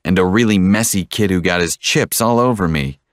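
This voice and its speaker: A man reading one side of a scripted English-lesson dialogue, repeating each line slowly and clearly. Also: deep voice, no echo, clean studio sound.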